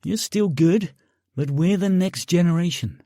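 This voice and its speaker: A man's voice: high-pitched, unhurried, mellow, dry recording, studio quality, pitched above the performer's own voice. A man voicing a brash, mocking American sergeant in an audiobook, talking in cocky, needling banter. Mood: taunting.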